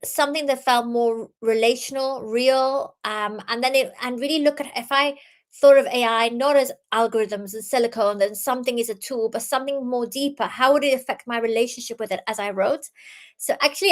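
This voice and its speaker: A woman's voice: on the high side, a little fast. A young adult woman, born in Iran, giving an earnest talk as an author and innovation speaker, with many ums and restarts. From Iran, raised in the UK. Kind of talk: talk presentation.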